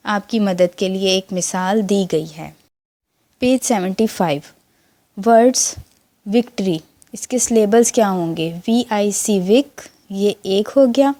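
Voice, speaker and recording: A woman with a Pakistani accent works through a school textbook exercise, reading each English line and then explaining it. Her delivery is very unhurried and her voice is mellow and warm, recorded close to the mic. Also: mid-range voice. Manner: reads English lines slowly, then explains in Urdu. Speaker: teacher. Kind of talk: bilingual textbook lesson.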